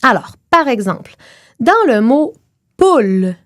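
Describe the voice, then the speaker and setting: A young woman with a Québécois accent explains phonetics on a podcast, slowing down whenever she demonstrates a sound. Her voice sits a little high and moves a lot. The recording is close and dry. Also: sing-song, no echo. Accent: Québécois French. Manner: clear teacherly delivery, slows to model sounds.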